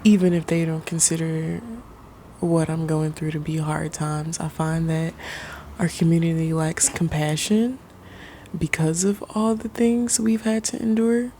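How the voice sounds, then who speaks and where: A woman giving a soft, hushed ASMR pep talk, reflective and halting, drifting at times toward a whisper. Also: sits low, little pitch movement, a little hiss or hum. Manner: halting, pausing mid-sentence. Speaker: ASMR creator.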